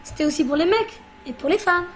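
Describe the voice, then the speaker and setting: A woman's voice: extremely high pitch, animated, brisk, slight background noise. A woman hosting a let's play, chatting casually and bossily teasing her co-player as she plays. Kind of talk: casual gameplay commentary.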